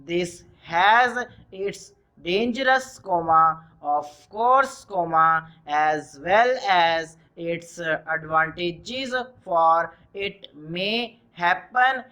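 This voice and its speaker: A person dictating a text for a practice exercise, reading in short measured chunks and speaking the punctuation aloud. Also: mid-range voice, bright, forceful tone, poor audio. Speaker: dictation reader.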